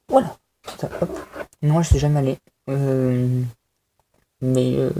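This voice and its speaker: A young vlogger with a mid-range voice chats casually to camera at home while answering a fan tag. He's hesitant and self-mocking, using lots of fillers, over a noisy background.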